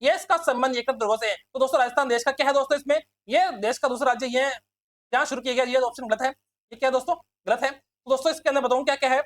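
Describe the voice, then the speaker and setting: Rapid-fire, high-voiced male teacher. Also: a bit bright. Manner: fast, repetitive, keeps addressing listeners as friends. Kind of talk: rapid-fire exam quiz lesson.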